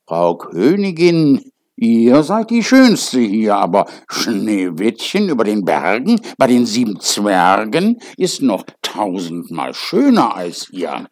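A man voicing a solemn magic mirror in a storybook tale, with slow, measured, raised delivery. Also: on the low side, wildly swooping pitch, darkish tone, exaggerated voice. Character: magic mirror on the wall, solemn truth-teller.

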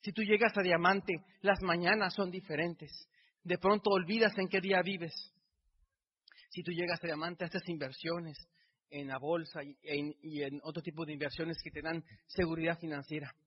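A man's voice: fairly high pitch, fairly even intonation, normal speed, slightly rough. A middle-aged man gives an emotional motivational speech, building up through repeated phrases. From Mexico. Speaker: motivational speaker. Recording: dull sound in a reverberant hall.

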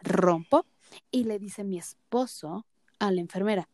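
A woman's voice: mid-range voice, measured pace, darkish tone, dry recording, clean studio sound. A woman in her thirties co-hosting a podcast, telling her story in casual chat and acting out the quoted dialogue with animation. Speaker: podcast co-host.

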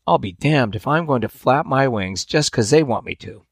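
A man giving voice to a sullen, stubborn little boy bird who mutters his refusals to himself in a storybook reading. The voice sits at an ordinary middle pitch and sounds close and dry, with no room around it. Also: expressive, moderate pace, creaky, slightly rough, dry recording. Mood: defiant. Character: stubborn defiant young male baby bird.

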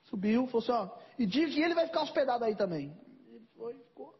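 A man's voice: extremely high pitch, lively intonation, fast talker, husky, highs cut off. A man preaching a sermon as pastor, telling a story and acting out its dialogue.

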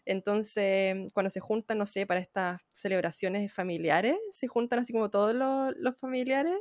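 A woman's voice: medium pitch, normal speed, a little mellow, no echo, studio quality. A woman with a Chilean Spanish accent talking animatedly and slangily in a casual group chat.

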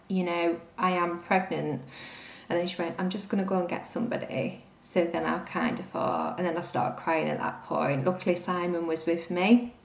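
Gravelly-voiced woman, conversational. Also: fairly low pitch, echoey room. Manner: rambling, conversational, with many fillers. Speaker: guest sharing a personal story. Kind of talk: candid personal conversation.

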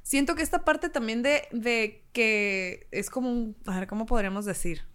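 Bright-voiced Sinaloan woman, casual chat. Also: on the high side, moderate pace, clean tone. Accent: Sinaloan Mexican Spanish. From Sinaloa, Mexico. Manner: animated, laughing, swears freely. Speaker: podcast co-host.

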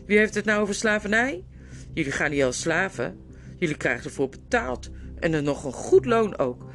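A woman's voice: lowish voice, big pitch swings, moderate pace, fairly bright tone, faint music behind. A woman reading a storybook, voicing a scheming, domineering male ape who snaps and sneers. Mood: bossy. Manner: sneering, snapping orders.

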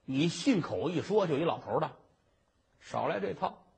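A man doing a pompous, bullying old-time judge, barking orders in a husky, bright voice that swoops wildly up and down. The storyteller plays him with scorn and bluster. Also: sits high, wildly swooping pitch, slow, exaggerated voice. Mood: scornful. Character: stern, bullying male high court judge.

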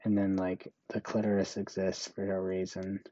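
A young man hosting a solo podcast, thinking aloud slowly in a monotone way. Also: low-pitched, dull audio. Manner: slow, monotone, musing. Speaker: podcast host.

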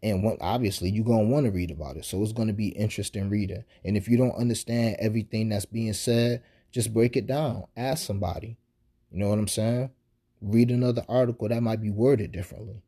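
Husky-voiced sarcastic podcast host. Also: male voice, lowish voice, a little fast. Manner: sarcastic, animated, conversational with slang and frequent "you know what I'm saying". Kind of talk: casual podcast monologue.

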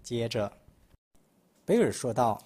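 A man from Malaysia reading a picture book aloud for children, expressive and clear in his storytelling. His voice is middle in pitch with a husky texture. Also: slow pace.

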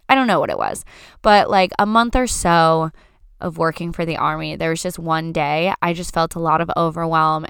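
Woman podcaster just chatting, lots of "like", smooth clear voice. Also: deep voice, a bit bright, no room sound, studio quality. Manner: chatty, fills talk with "like". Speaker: podcast host. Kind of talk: casual solo podcast chat.

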